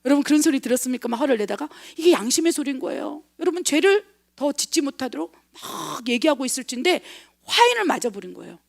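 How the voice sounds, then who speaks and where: A middle-aged woman pastor delivers a sermon in a high, bright-pitched voice. She presses her points with rhetorical questions to the congregation. She swings from forceful stresses to soft, almost whispered asides. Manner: emphatic preaching with frequent rhetorical questions; swings between loud stresses and hushed, near-whispered asides. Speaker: missionary pastor.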